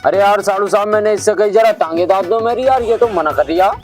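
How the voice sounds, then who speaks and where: A man's voice: high-pitched, fast, a little mellow, soft background music, natural voice. A man playing a foul-mouthed, boastful uncle who teases crudely. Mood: mocking. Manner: mocking, crude, theatrical scolding. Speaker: comedy sketch actor.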